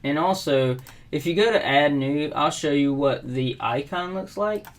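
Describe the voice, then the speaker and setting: This WordPress tutorial host, a middle-aged man from South Carolina, USA, talks through setting up software in a laid-back screen recording, often filling pauses with "um" and "uh." He speaks at a leisurely pace in a somewhat high voice, recorded through the webcam overlay at his desk.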